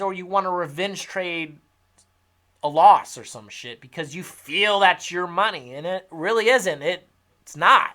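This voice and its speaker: Guy ranting about trading to the cam, cussing nonstop, bright edgy voice, gets loud then drops low. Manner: blunt and heavily profane; swings between loud emphasis and low muttered asides. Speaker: trading educator. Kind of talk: casual unscripted rant to camera.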